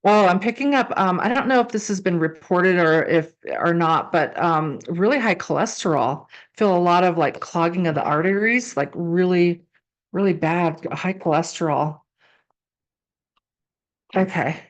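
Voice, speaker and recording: A woman's voice: lowish voice, measured pace. A woman giving a casual, improvised tarot reading, speaking conversationally and repeating phrases for emphasis. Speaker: tarot card reader and psychic.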